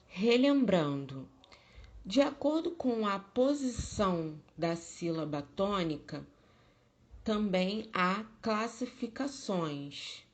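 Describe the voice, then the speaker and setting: A woman teacher with a Brazilian Portuguese accent giving a recorded distance-learning lesson, slow and careful, stressing syllables loudly. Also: on the low side.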